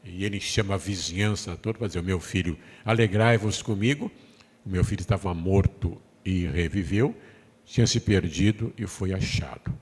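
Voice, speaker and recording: A man with a Brazilian Portuguese accent, a pastor preaching a sermon. He tells the story in a lively way, voices the characters and puts questions to the congregation. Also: sits low, moderate pace, breathy edge. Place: church sanctuary. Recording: long hall reverb in a church.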